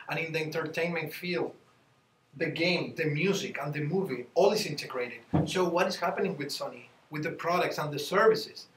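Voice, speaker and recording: A man from Chile, giving a team business presentation and pausing now and then to search for words. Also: fairly high pitch, a bit bright, a little hiss or hum. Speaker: student presenter. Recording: roomy, distant mic.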